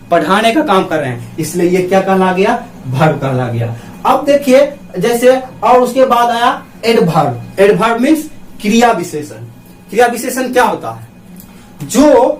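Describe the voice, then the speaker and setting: A man teaching a grammar lesson at a board, asking his class questions and answering them himself. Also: sits high. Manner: writes on a board with a marker. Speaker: English teacher. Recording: roomy, from some distance.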